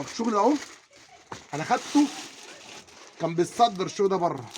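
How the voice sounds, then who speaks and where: A man with an Egyptian accent giving an energetic carpet sales pitch, repeatedly urging viewers to look. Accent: Egyptian Arabic. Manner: repeats urgent calls to look, hawking patter. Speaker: carpet seller. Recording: noisy background.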